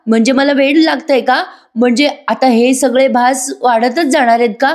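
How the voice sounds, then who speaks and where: A woman's voice: sits high, steady tone, normal speed, darkish tone, voice pushed up, lightly acted. A woman voicing a middle-aged aunt who anxiously asks whether she is imagining things. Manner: fretful, rising questions.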